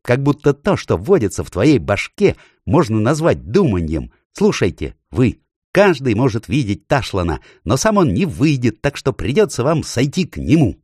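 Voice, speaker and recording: A man's voice: mid-range voice, huge pitch swings, normal speed, husky, dry recording, studio quality, pitched above the performer's own voice. A man putting on a sly, sneering ape. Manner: sneering, taunting, shouting orders. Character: sly scheming male ape, mocking and shrill.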